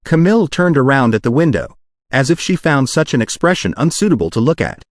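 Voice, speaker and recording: Computer-voiced guy reading a fantasy audiobook, bouncy pitch, super dry sound. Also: big pitch swings, brisk, no echo. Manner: synthetic audiobook reading, reads punctuation aloud. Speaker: narrator. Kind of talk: scripted narration.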